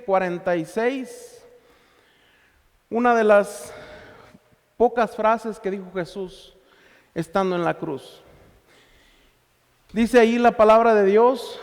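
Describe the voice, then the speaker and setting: A man's voice: very high-pitched, big-room sound. A male pastor preaching a sermon emphatically, repeating phrases and asking the listener questions.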